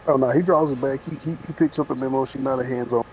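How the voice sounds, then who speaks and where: A man's voice: mid-range voice, steady tone, fast, a crowd in the background. A man playing a tabletop game, talking in a teasing drawl. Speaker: player. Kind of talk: casual tabletop play. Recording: dull lo-fi audio with faint noise.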